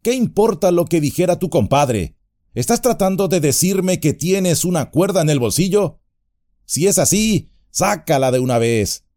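A man's voice: high voice, expressive, slow pace, mellow, voice pushed up. A man voicing a young male hobbit in peril, calling out in a raised voice. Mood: irritated.

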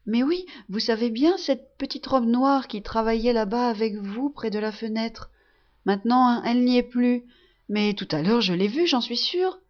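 A woman's voice: a little high, normal speed, highs cut off, close to an everyday voice. A woman reading aloud, voicing a sick young man who questions and calls out eagerly to his mother. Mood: insistent.

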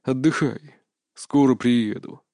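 A man voicing a gruff, grumbling middle-aged father who talks in a reluctant way, in a dry-sounding audiobook reading. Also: mid-range voice, slow pace, warm tone, no room sound.

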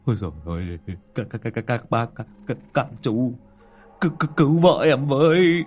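A man's voice: medium pitch, big pitch swings, normal speed, husky. A man voicing a panicked middle-aged husband who stammers as he begs for help.

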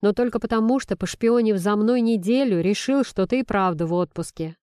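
A woman's voice: mid-range voice, a little fast, warm tone, clear, resonant tone, no echo, lightly acted. A woman voicing a caring young female friend who talks in a soothing, persuasive way, recorded dry and close. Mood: confiding. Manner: coaxing and soothing.

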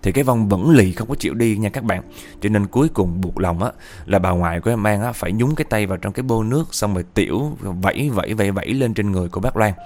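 A man telling a ghost story in a chatty, animated way, often speaking to his listeners. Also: fairly low pitch, fast. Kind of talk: casual ghost-story narration.

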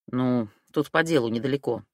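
A woman voicing a nervous, hot-tempered young man who mutters in a lowered voice and flares up into shouting. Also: moderate pace, no echo, studio quality. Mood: sullish, evasive. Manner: lowered voice, blurts, shouts when accused.

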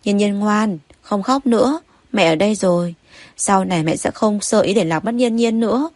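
A woman's voice: medium pitch, animated, brisk, darkish tone, dry recording, close to an everyday voice. A woman voicing an anxious, loving mother in an audiobook story, scolding and soothing her small daughter.

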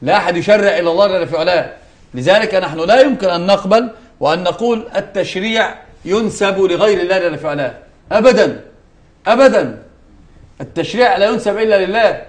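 A sheikh gives a religious lesson at a brisk, rapid pace, his voice somewhat high for a man. He drives his points home by repeating key words and working in quotations from scripture. Every so often he turns to speak directly to his students.

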